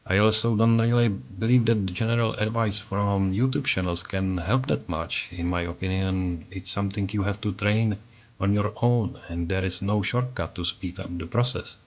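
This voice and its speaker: Through lo-fi sound, a man whose first language is Czech narrates a scripted voice-over at normal speed, his voice on the low side and his accent Czech. He's an artist and channel creator, speaking earnestly, reflectively and self-critically.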